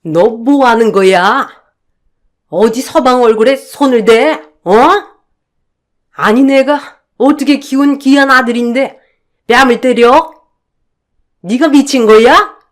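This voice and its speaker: A woman's voice: a little high, slow pace, pauses often. A woman voicing a pushy, scornful older mother-in-law in storybook dialogue, scolding and indignant. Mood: outraged.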